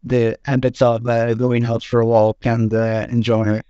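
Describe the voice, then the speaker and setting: A man, a podcast guest, talking in a halting way with many fillers. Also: medium pitch, little pitch movement, dark tone, clean tone, no room sound, lo-fi sound. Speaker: guest, product manager. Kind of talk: casual podcast chat.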